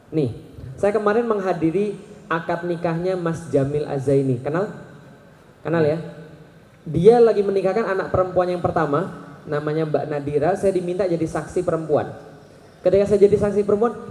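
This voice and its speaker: A man in his thirties giving a lively religious talk to a live audience, questioning the crowd and joking. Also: sits high. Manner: animated, asks the crowd questions and jokes. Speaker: Islamic preacher. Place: large hall with an audience. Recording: echoey hall recording.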